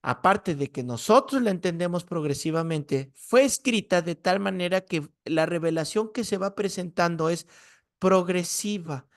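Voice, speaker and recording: A man with a Mexican Spanish accent teaching a Bible class indoors, telling lively stories and tagging his points with quick questions to the class. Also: high-pitched, no echo, studio quality. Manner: lively storyteller, rhetorical "¿no?" tags.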